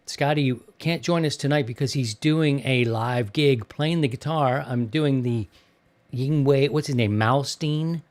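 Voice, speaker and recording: A man in his early fifties hosts a ham radio show, chatting casually and candidly in a podcast-style conversation. His voice is medium-pitched with a darkish tone.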